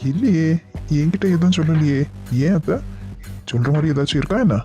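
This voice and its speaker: A man voicing a caring, patient young husband in a cartoon, speaking in a gentle, coaxing way. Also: on the high side, brisk, soft background music, voice pushed up, lightly acted.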